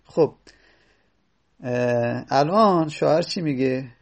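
A medium-pitched, gravelly-voiced man gives a classroom grammar lecture, patiently repeating phrases and explaining lines of Arabic verse he quotes.

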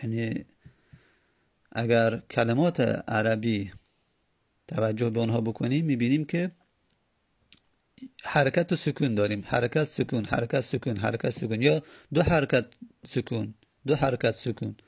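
A man teaching a grammar lesson, explaining slowly and repeating word forms as he spells them out. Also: mid-range voice, breathy edge. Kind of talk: Arabic grammar lesson in Persian.

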